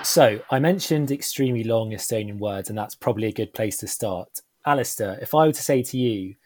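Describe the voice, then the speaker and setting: A man's voice: fairly low pitch, fairly quick, darkish tone, soft background music. A man hosting a podcast in casual chat, laughing often and using lots of fillers. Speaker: podcast host.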